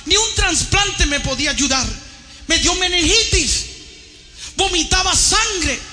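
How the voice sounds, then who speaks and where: High, bright-voiced fervent male preacher. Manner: fervent, shouting at peaks, addresses listeners as brother. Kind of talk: impassioned testimony sermon.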